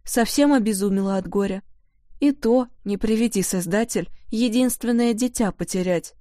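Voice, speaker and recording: A woman narrator voicing a sympathetic servant woman who speaks with a soft sigh, in a dry studio sound. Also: medium pitch, moderate pace, no room sound, lightly acted. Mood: pitying. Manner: sighing, soft.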